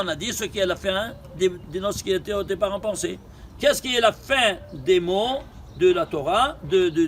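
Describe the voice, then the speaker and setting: A man teaching a Torah lesson with gematria, animated and questioning, repeating phrases. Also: high voice, slight background noise. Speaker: rabbi teaching Kabbalah.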